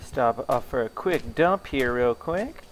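A man's voice: medium pitch, lively intonation, slow pace, a little hiss or hum, poor audio. A young man giving live commentary on a horror game, jumpy and profane, laughing and talking back to what happens on screen. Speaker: streamer. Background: game music.

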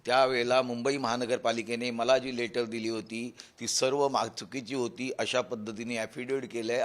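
A man, a candidate answering a reporter's questions in a slow, deliberate, defensive way. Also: mid-range voice. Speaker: interviewed candidate. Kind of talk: news interview answers.

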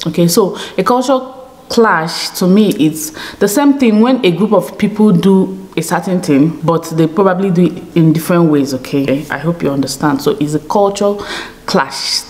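In a small home studio, a Nigerian YouTube vlogger in her thirties talks casually to camera, frequently asking "okay?". She has a lowish, slightly mellow voice.

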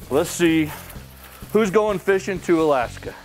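A man's voice: fairly high pitch, expressive, unhurried, darkish tone, soft background music. A middle-aged man hosting a membership sweepstakes drawing, talking in a folksy, upbeat way as he reads out winners and their towns in a wood-paneled room. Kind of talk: casual announcing to camera.

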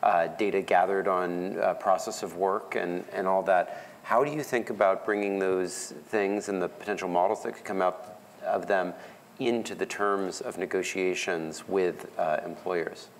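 A man moderating a conference panel, asking long, measured questions with fillers. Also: sits low, fairly even intonation, a little hiss or hum. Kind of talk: panel discussion. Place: conference event room. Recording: long reverb in a hall.

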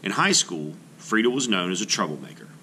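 This is a rough recording of a middle-aged man narrating a children's nonfiction book aloud. He sounds like an art teacher talking to young children, his fairly low, bright voice moving expressively and at a measured pace, with very animated intonation. Light noise runs in the background.

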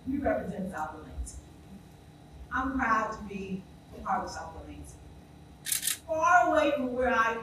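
A woman's voice: mid-range voice, sing-song, a little slow, pauses often, background noise. A woman from South Carolina giving an emphatic tribute speech at a school ceremony, building up on repeated phrases. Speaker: school staff speaker at a ceremony. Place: school gathering space with a live audience. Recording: echoey room, voice from far off.

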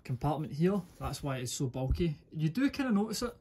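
A man's voice: on the high side, very animated, brisk, a little mellow, breathy edge. A man giving a casual hands-on product review in an informal, rambling way, often correcting himself. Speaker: gear reviewer.

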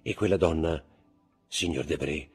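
A man's voice: extremely low pitch, a little slow, a little mellow, husky, soft background music, heavily acted. A man doing a cool, aloof young lady. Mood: cool, sly.

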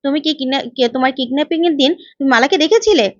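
A woman voicing a sharp-tongued woman who probes and cuts with her words, on a slightly dull lo-fi recording. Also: high-pitched, expressive, racing, no echo. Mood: probing. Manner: probing, cutting.

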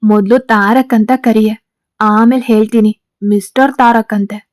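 An arrogant, teasing gang boss husband in a spoken romance story, read by a woman. The voice sits fairly high with a mellow, dark tone. The sound is dry and close. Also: fairly even intonation, moderate pace, no room sound, close to an everyday voice. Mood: domineering.

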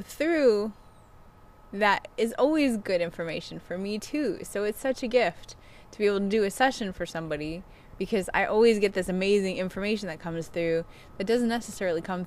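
A middle-aged woman talking casually and personally to camera like a self-help influencer, in a candid confessional chat. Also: mid-range voice. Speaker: self-help vlogger who gives coaching sessions. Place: outdoors on a wooden deck. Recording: clear outdoor background noise.

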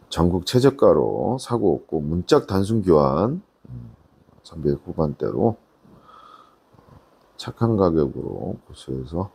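Male used-car salesman, middle-aged, dark mellow gravelly tone, casual repetitive sales patter. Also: very deep voice. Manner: informal salesman patter, repeating selling points. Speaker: used car dealer presenting a car. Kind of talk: casual, unscripted sales walkaround review.

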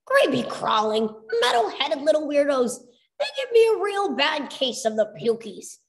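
A woman's voice: a little high, big pitch swings, normal speed, creaky. A woman voicing a hot-headed, fuzzy male rabbit sidekick who talks in brash, grumbling slang. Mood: disgusted.

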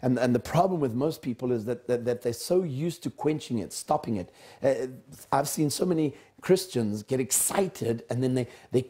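Male speaker from Africa, mellow voice, earnest impassioned testimony, stammered restarts. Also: mid-range voice, lively intonation, moderate pace.

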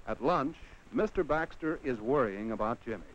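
An American man gives scripted, 1950s-educational-film-style narration, turning to the child on screen with rhetorical questions. His medium-pitched voice is animated and moderately paced. The track is dull and vintage, from 1950, with slight hiss or hum.

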